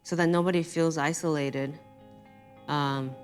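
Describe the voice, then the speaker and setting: A woman's voice: low voice, fairly even intonation, measured pace, clear, resonant tone, soft background music. A woman comedian talking candidly about her upbringing in a wry, reflective way. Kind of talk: candid conversation.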